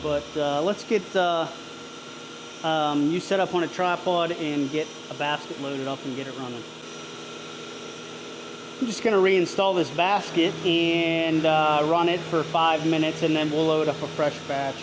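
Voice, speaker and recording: A man's voice: a little high, unhurried. A man giving a casual hands-on demonstration in a workshop, with a machine running noisily behind him. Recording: loud machine noise behind the voice. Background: machine running, steady mechanical noise.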